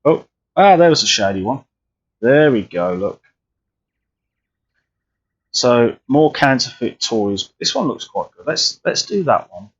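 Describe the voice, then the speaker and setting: A man talks his way through a flight sim stream, rambling with many restarts. His voice is husky and mid-pitched, and the audio sounds a bit dull and lo-fi. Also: very animated, measured pace, long pauses. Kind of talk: live flight sim commentary.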